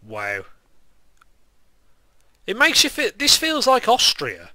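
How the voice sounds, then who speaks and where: A man's voice: very high-pitched, huge pitch swings, slow pace, bright, forceful tone, dry recording. A young man with a lisp and whistling s sounds, giving casual, rambling, self-deprecating game commentary. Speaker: gaming video maker.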